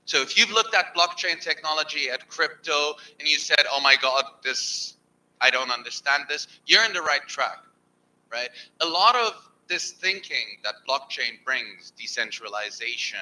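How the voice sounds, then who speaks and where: A man's voice: on the high side, animated, moderate pace, pushed and bright, low-quality recording. A man from Germany speaking on a panel at an event, emphatic and persuasive. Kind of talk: panel discussion. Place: event hall.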